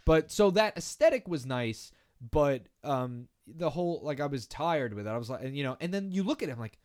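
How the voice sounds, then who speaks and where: Lively, rambling man. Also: a little high, fairly quick. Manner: animated, rambling, swears, mimics characters in funny voices. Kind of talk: casual chat.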